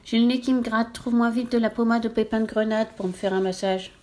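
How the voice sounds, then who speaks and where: A woman's voice: a little high, fairly even intonation, quick pace, mellow, natural voice. A woman doing a nasal, moaning sick man. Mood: whiny. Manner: moaning, demanding. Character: sick whiny thin man with a huge nose.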